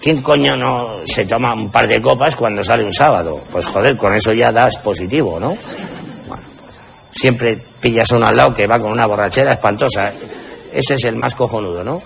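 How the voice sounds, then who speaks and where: A man's voice: medium pitch, moderate pace, vocal fry, a bit bright. A man with a Spanish accent doing crude, punchy stand-up comedy, recorded live with audience noise. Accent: Spain.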